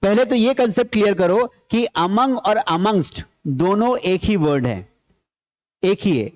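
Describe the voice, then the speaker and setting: A man with a high voice gives a grammar lesson to a class. He repeats each point and asks questions he then answers himself. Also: animated, unhurried. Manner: repeats key points, explains in Hindi mixed with English terms. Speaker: grammar teacher. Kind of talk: classroom lecture.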